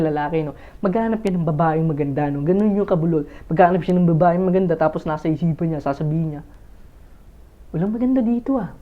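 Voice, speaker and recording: A man's voice: high voice, highs cut off. A man vlogging casually, rambling with lots of fillers and restarts while he talks straight to his viewers through an earphone mic. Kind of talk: casual chatty vlog.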